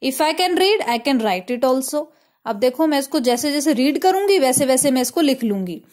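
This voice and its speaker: A woman with an Indian accent teaching a math lesson step by step, mixing English words in and often checking "clear?". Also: high voice, expressive, a little slow, darkish tone. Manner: mixes English terms into Hindi.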